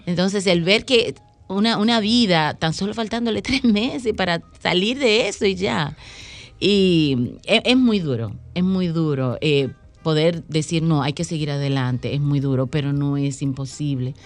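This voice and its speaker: A woman's voice: lowish voice, a little slow, no echo, faint music behind. A woman guest on a radio interview, speaking earnestly and acting out the voices of the people in her stories. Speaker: guest promoting a stage play.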